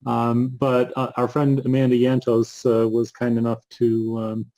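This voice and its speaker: A man co-hosting a casual book show, halting and full of ums, with dry asides. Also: mid-range voice, completely flat delivery, dark tone, low-quality recording. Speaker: co-host. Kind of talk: casual chat about books.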